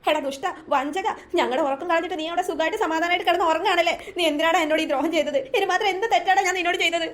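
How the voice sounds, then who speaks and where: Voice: very high voice, rapid-fire, a bit bright. A performer voicing a young woman in a cartoon ghost story, scared and accusing her friend in an emotional rush.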